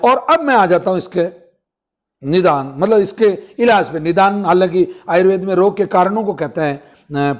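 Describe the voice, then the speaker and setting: A man giving an informal Ayurvedic health talk, explaining step by step with frequent pauses and fillers. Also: high-pitched. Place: ashram.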